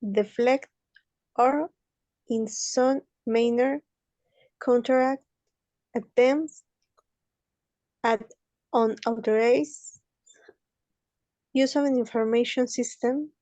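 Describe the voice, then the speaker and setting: A woman student reading English aloud in class, careful and halting. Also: on the high side, steady tone, mellow, dry recording.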